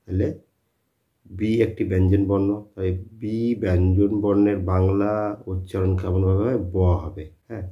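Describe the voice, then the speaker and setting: A man with a low voice teaches a spoken lesson, putting questions to his students and answering them himself. He repeats each point patiently. The recording sounds dull and lo-fi. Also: warm tone. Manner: repetitive, asks and answers own questions. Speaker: English teacher.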